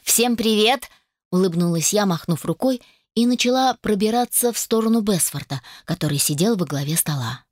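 A woman reading a first-person audiobook in a measured, wry storytelling manner. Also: fairly low pitch, lively intonation, a little mellow, no room sound, studio quality. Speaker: audiobook narrator.

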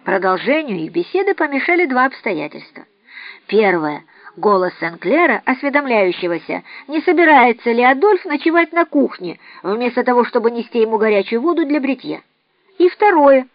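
A woman narrating an audiobook in a measured, expressive reading. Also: on the high side, dry recording. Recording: dry, slightly dull recording.

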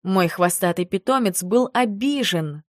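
A woman narrating a first-person audiobook in an expressive manner. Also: mid-range voice, measured pace, no echo, studio quality.

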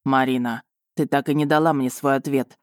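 A woman voicing a proud, brooding male dragon lord who speaks in a cool, measured, slightly mocking way. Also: rumbling low, steady tone, darkish tone, no room sound, studio quality.

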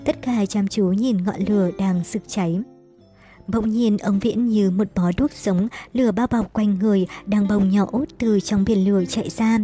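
A woman narrating a novel as an audiobook in a brisk, dramatic storytelling manner. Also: mid-range voice, fairly even intonation, dark tone, soft background music.

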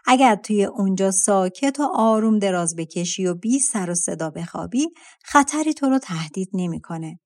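A woman voicing a clever young girl in a fairy-tale audiobook, soft and pleading as she calms a monster. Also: medium pitch, natural voice. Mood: hushed.

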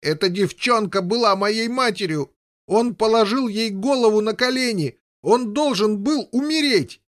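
A man's voice: high-pitched, animated, unhurried, a bit bright, dry recording, clean studio sound, voice pushed up. A man doing a cruel, frantic boy. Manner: frantic, wailing delivery.

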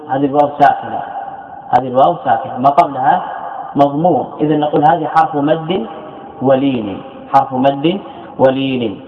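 A man teaching grammar as a scholar in a classroom lecture. He repeats key phrases and asks questions that he answers himself. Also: medium pitch. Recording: tinny echoey lecture hall recording.

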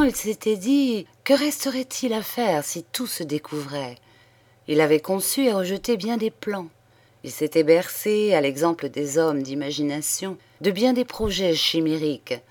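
A woman reading a classic novel aloud in a steady, deliberate way. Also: sits low. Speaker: audiobook narrator. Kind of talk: literary audiobook narration.

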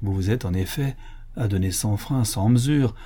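Brief: lecturing cleric, sardonic and stern, read by a man, dark mellow tone. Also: fairly low pitch, moderate pace, close to an everyday voice. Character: stern, scheming male abbé, older cleric. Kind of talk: audiobook reading of a classic novel.

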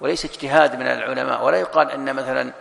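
A man's voice: mid-range voice, steady tone, rapid-fire, gravelly, fairly bright tone, big-room sound. A man teaching a lesson as a sheikh, explaining each point step by step, repeating words and reciting examples. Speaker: sheikh teaching Quran sciences. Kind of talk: classroom lesson explaining a text.

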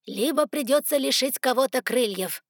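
A woman's voice: high voice, normal speed, no room sound, studio quality, pitched above the performer's own voice. A woman reading the part of a reserved, cold male ice elder in a storybook audiobook. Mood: grave.

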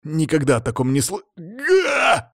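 A man's voice: medium pitch, quick pace, darkish tone, dry recording, studio quality, voice pushed up, close to an everyday voice. A man voicing a panicky young male fourth-year mage student who blurts strained, yelping outbursts. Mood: panicked.

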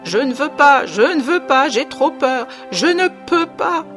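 A woman's voice: high-pitched, animated, moderate pace, soft background music, pitched above the performer's own voice. A woman reading aloud, voicing a vain, fearful society mother who pleads breathlessly. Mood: panicked.

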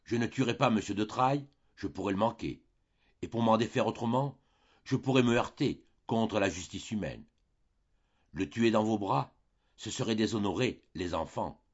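A man voicing a distressed young countess, hushed and halting, in a dull lo-fi recording. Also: lowish voice, slightly rough. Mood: grave.

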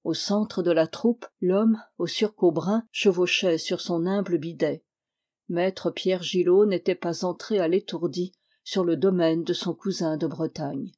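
Mellow-voiced woman reading a novel aloud. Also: fairly low pitch. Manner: steady, measured reading, lifting the voice for quoted dialogue. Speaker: audiobook reader. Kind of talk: audiobook narration of a historical novel.

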